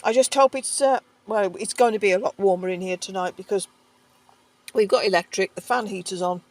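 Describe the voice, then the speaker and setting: A woman with a mid-range, darkish voice speaks fairly quickly, with no room sound. She's a camping cooking vlogger chatting casually to camera and thinking aloud as she cooks in a heated stove tent.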